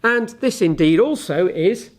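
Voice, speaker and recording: Chatty male physics teacher explaining calmly. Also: sits high, a little hiss or hum. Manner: chatty, fills pauses with ums, demonstrates with objects. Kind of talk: relaxed classroom explanation to camera.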